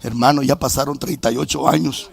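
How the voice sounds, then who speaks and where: A middle-aged man from preaching a sermon as a pastor, telling his own story with quoted dialogue and bursts of shouting. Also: mid-range voice, steady tone, fairly quick, creaky, slightly rough. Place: church sanctuary.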